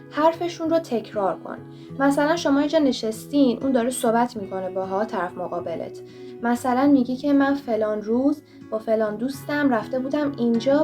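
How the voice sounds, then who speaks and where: A young woman talks straight to the camera and hands out self-help tips in a firm, coaching tone. Her voice sits a little high. Guitar music plays clearly under her. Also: darkish tone. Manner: direct, coaching, speaks straight to the viewer. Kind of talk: motivational advice monologue. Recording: voice over clear background music.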